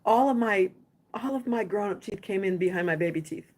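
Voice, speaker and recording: A woman's voice: medium pitch, fairly quick. A middle-aged woman hosting a family livestream, chatting casually and patiently with her children. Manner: gentle, patient, coaching tone with kids.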